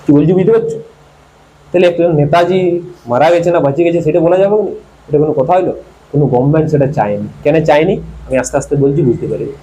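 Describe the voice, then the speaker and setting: A man's voice: on the high side, quick pace, dark tone, highs cut off, a little hiss or hum. A man giving an informal history lesson to students, asking questions and answering them himself. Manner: asks questions and answers them himself, repeats key words. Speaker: teacher.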